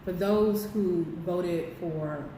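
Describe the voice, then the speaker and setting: A woman's voice: on the low side, drawn-out words, warm tone, recorded from a distance. A woman co-hosting an impassioned political discussion, speaking emphatically and firing rhetorical questions at her listeners. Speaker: co-host. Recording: very echoey room, voice off-mic, faint noise.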